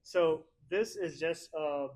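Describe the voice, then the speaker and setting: A man's voice: on the high side, takes it slowly, a little mellow. A man presenting a live demo, explaining a voice-cloning tool in an easygoing way.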